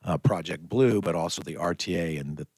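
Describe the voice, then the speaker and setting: A low-pitched American man talks as a radio host in a conversational morning-show style. The sound is dry and close, as from a studio microphone. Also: a little fast, a little mellow, slightly rough, dry recording. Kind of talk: morning radio talk, conversational local politics discussion.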